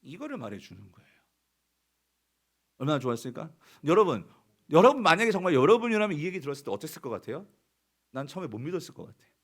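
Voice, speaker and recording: A male pastor delivers a sermon in a fairly high voice whose pitch leaps and falls all over. He preaches emphatically, firing questions at the congregation. He acts out quoted lines with drama. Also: big pitch swings, fast, long pauses.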